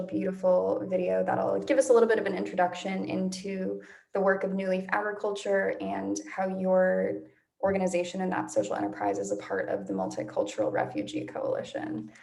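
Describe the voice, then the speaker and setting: A woman's voice: on the low side, gravelly, a little mellow. A woman hosting an online session in a casual, effusive, gushing manner. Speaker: host.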